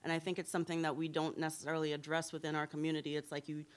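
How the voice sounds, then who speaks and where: A woman's voice: sits low, little pitch movement, very fast. Candid woman from Trinidad and Tobago. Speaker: hair blogger, interview guest. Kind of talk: symposium interview.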